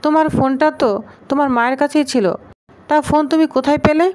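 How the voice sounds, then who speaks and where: A woman's voice: sits high, steady tone, fast, a little mellow, lightly acted. A woman doing an irritated male boss. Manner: demanding, irritated. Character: indignant older male company owner.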